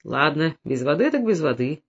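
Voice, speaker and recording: A man's voice: fairly high pitch, sing-song, normal speed, vocal fry, lo-fi sound, voice pushed down, exaggerated voice. A man reading aloud voices a bald, easygoing village handyman who tells riddles.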